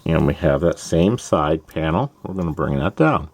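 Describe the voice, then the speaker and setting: A man's voice: a bass voice, animated, moderate pace, darkish tone. A man hosting a toy-building show, explaining each step of a build in a chatty, plain way with playful asides. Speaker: host of a toy-building channel. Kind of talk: casual step-by-step build tutorial.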